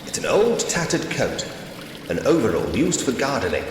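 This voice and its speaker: In scripted point-and-click voice acting, a man plays the protagonist of a ghost-story game: a curious, polite man investigating a haunted Victorian house, who narrates his actions and muses wryly to himself in short remarks. His mid-pitched voice swings widely in pitch at a normal speed and sounds natural, with a matter-of-fact mood. Long echoing reverb, background noise, and music surround him.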